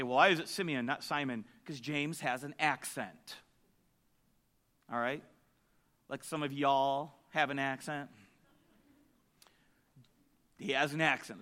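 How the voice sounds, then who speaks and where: A man's voice: medium pitch, bright, forceful tone. A man preaching a Bible teaching sermon, conversational and often asking his listeners questions. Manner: conversational, asks the audience questions.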